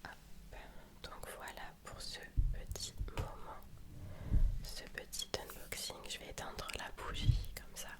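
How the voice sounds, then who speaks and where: A woman with a cold whispers a soft, unhurried ASMR sponsored product read, gently presenting an unboxing. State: has a cold and sore throat. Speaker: ASMR video creator presenting a sponsored box.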